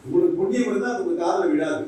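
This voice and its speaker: This monk's voice is high, fast, and mellow, with a slight hiss or hum in the background. Addressing teachers in a humorous talk, he jokes and performs small dialogues while mixing English and Tamil. The recording is distant, in an echoey hall.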